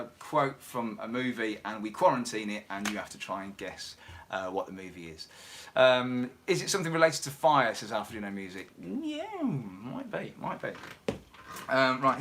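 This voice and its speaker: A man's voice: mid-range voice, fairly quick, hardly any pauses, sharp tone, a little hiss or hum. A man hosting a casual livestream from home, chatting and reading out viewer comments. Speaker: livestream host and musician.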